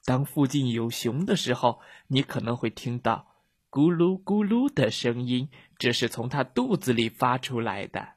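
A man voicing an excitable male rabbit who reads eagerly from his book in a children's story. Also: medium pitch, measured pace, slightly rough, no echo, clean studio sound. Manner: reads loudly and dramatically from his book, drops to a whisper when hushed.

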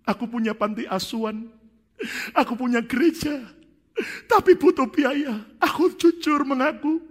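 A man's voice: very high voice, measured pace, pitched above the performer's own voice. A man doing a pleading, tearful pastor. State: crying. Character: anguished male pastor running an orphanage. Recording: long reverb of a large hall.

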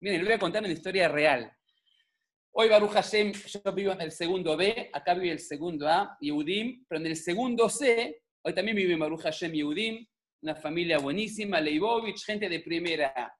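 This Argentine man, speaking Rioplatense Spanish at a moderate pace in a high-sitting voice, tells a story on camera at home. His religious talk is humorous storytelling, animated and full of jokes and asides to the audience.

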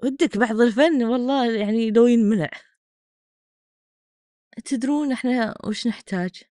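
A woman's voice: on the high side, moderate pace, mellow, dry recording, studio quality. A woman hosting a podcast, commenting on clips in a mocking, exasperated way. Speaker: podcast host reacting to clips. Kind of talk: sarcastic commentary.

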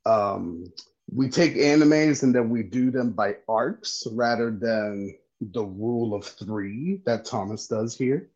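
A man's voice: mid-range voice, a little mellow. Friendly male podcast guest, dull lo-fi sound. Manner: friendly, halting with many ums. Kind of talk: casual podcast chat.

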